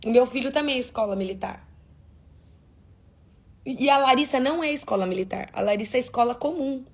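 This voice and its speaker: A woman's voice: sits high, brisk, slightly rough. A woman preaching on a prayer livestream, emphatic and asking her viewers rhetorical questions.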